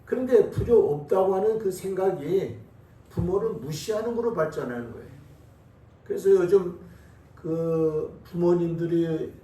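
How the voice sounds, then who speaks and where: A man in his eighties, a pastor, giving a sermon at an unhurried, conversational pace with pauses and fillers, recorded in a church sanctuary from a distant microphone. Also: high-pitched, lively intonation, mellow. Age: 80s. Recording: echoey hall from far off.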